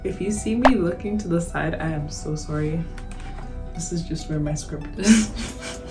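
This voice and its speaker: A young woman from Zimbabwe vlogs casually to camera in a chatty monologue, a little self-conscious and often laughing. Her lowish voice is unhurried, with a roomy sound and background music.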